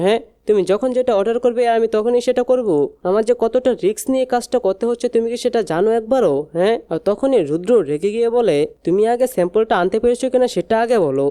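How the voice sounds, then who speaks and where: A woman quickly recapping a TV serial's plot, reading the characters' lines in her own plain voice. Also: on the high side, dark tone, no echo. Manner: rapid storytelling, reads characters' lines in a plain voice. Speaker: gossip channel narrator.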